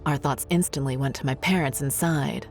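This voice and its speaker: A woman narrating a scary story in a measured, ominous storytelling manner. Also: extremely low pitch, soft background music. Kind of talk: scripted horror narration.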